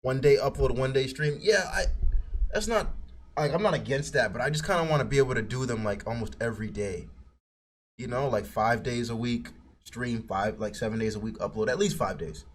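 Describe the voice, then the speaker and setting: A young man with a lisp chatting casually on his live stream, hyper and excitable as he reacts to videos. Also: medium pitch, a little fast, a little hiss or hum.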